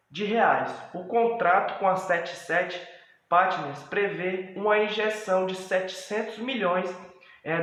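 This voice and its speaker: Brazilian man, fan-channel host, halting casual commentary; very roomy echoey recording. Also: sits high, a bit bright. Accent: Brazilian Portuguese. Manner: hesitant, many drawn-out fillers. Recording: very echoey room.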